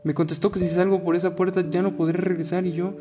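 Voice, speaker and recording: A man voicing a hurt young woman who pleads with her lover, his voice pushed higher. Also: flat delivery, fast, close to an everyday voice. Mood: flustered. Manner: pleading, flustered, voice raised higher. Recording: guitar music playing behind.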